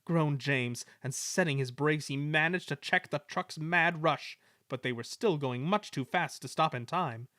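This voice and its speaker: A man giving an expressive reading of a children's story. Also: fairly high pitch, measured pace, few pauses, no echo, clean studio sound. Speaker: storybook reader. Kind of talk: scripted narration of a children's story.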